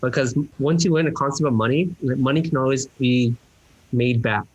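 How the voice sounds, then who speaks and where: A man hosting a podcast interview, chatting casually and reflecting warmly on his guest's points. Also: medium pitch, normal speed, slightly rough, no room sound, low-quality recording. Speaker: podcast host.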